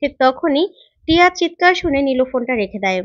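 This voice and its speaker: A woman's voice: high voice, animated, a little fast, no echo. A woman narrating a TV serial recap in plain storytelling with repeated linking phrases. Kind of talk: retelling a TV serial. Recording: dull, lo-fi recording.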